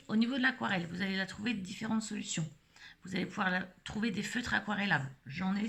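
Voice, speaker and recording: Woman, middle-aged, low gravelly voice, hesitant rambling craft demo, casual. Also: fairly bright tone. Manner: rambling, many hesitations and fillers. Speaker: scrapbooking vlogger. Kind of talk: casual live craft demonstration.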